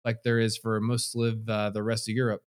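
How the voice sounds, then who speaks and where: A man's voice: on the low side, completely flat delivery, fairly quick, smooth. An American man hosting a podcast, laid-back and casual, often saying "man" and "awesome". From United States. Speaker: podcast host. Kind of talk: casual interview chat.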